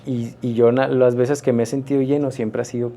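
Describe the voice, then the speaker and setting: A pastor, telling his personal testimony in an interview in an earnest, reflective, halting way. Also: mid-range voice, little pitch movement, warm tone, slight background noise.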